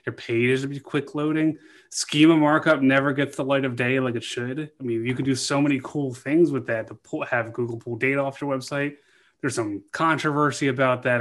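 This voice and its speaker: A man in his thirties who hosts a casual video-call interview, talking animatedly and emphatically into a boom-arm microphone in a small room. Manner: animated, emphatic, quick asides. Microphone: boom-arm studio microphone.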